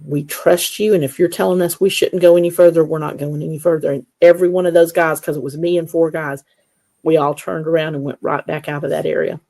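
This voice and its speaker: A woman guest on an interview show, telling her story in a casual, animated way and acting out the dialogue. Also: low-pitched, fast, vocal fry. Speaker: guest, Bigfoot investigator.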